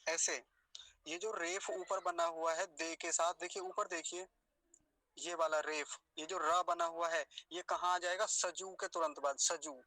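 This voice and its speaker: A man teaching pronunciation, saying words slowly syllable by syllable and quizzing his students. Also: a little high, fairly even intonation, pushed and bright, no room sound, rough recording. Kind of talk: pronunciation lesson.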